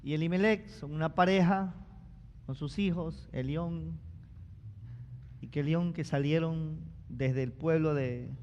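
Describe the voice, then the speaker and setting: High-voiced preacher in a reverberant hall. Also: male voice, takes it slowly, muffled recording, slight background noise. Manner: preaching with rising shouts and call-and-response prompts. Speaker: pastor. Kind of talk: sermon. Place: church sanctuary.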